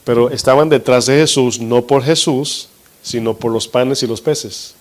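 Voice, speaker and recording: Man preaching a teaching sermon. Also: mid-range voice. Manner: teaching with questions to the congregation; slows for emphasis on scripture. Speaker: pastor.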